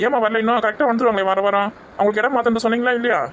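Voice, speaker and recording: A woman voicing a stern middle-aged male officer, gruff and chiding. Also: on the high side, fairly even intonation, very fast, lo-fi sound, background noise, voice pushed down, close to an everyday voice. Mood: scolding.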